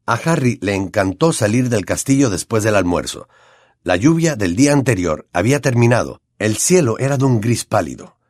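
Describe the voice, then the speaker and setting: Here a man narrates an audiobook in an expressive style, his Latin American Spanish accent clear. His pitch stays in the middle range while the melody swings lively. Everything is captured close and dry, with no trace of the room.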